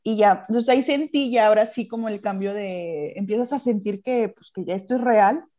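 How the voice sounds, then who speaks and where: A woman with a Mexican accent chatting casually, telling a personal story in a lively way and acting out other people's voices. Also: mid-range voice, brisk. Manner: lively storyteller who acts out quoted voices. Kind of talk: casual chat. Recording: slightly muffled lo-fi audio.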